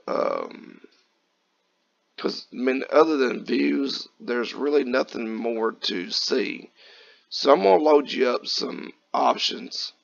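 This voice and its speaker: A man from Kentucky, raspy from just waking up, chatting casually through gameplay commentary in a relaxed, folksy way. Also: medium pitch, highs cut off. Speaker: gaming channel host.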